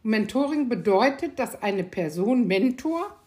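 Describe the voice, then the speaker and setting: A woman's voice: a little high, expressive, unhurried, darkish tone, breathy edge. An older woman, an architect hosting her own podcast, speaking in a thoughtful, hesitant way with many filler sounds. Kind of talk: casual monologue.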